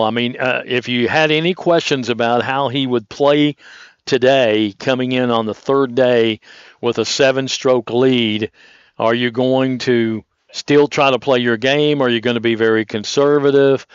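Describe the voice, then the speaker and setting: A man giving relaxed, conversational golf commentary in a chatty, rambling, anecdotal way. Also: medium pitch, clear, resonant tone, dry recording, dull audio.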